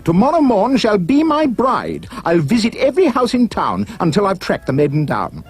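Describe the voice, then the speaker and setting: A man's voice: high-pitched, huge pitch swings, moderate pace, husky, voice pushed up, exaggerated voice. A theatrical young prince , acted by a man, declaims in a raised, swooping voice. He is lovestruck and temperamental, a storybook figure with music behind him. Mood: ardent, declaring. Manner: theatrical, exclaiming.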